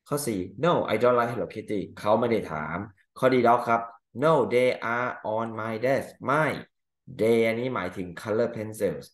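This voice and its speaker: A man teaching English, going through exam answers, reading each English sentence slowly and then explaining it casually. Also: medium pitch, fairly bright tone, roomy sound.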